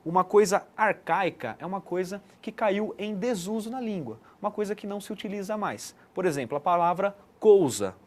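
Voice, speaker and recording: A man's voice: high voice, animated, moderate pace, hardly any pauses. A man giving an explanatory online lesson as a teacher, checking in with the listener often. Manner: didactic, frequent "né" tag questions.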